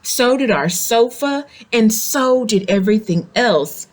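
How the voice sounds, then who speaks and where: Here a woman with a fairly high voice tells a picture-book story to small kids at a measured pace. Her delivery is animated and expressive, sprinkled with easy questions and explanatory side comments.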